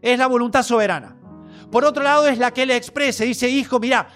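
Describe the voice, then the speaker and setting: High-voiced Rioplatense preacher. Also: male voice, brisk, a bit bright, faint music behind. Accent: Rioplatense Spanish. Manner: earnest, repetitive, anecdotal. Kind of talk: sermon.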